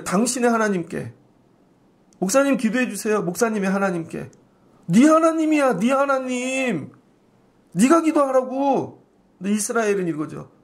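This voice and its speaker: High, gravelly-voiced male pastor preaching. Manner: blunt, conversational preaching with rhetorical questions. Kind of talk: early-morning sermon.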